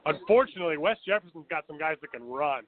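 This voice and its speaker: A man's voice: a little high, expressive, fast, narrow, tinny audio. A man giving analytical game commentary as a color commentator, breaking down tactics. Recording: thin radio-like broadcast sound.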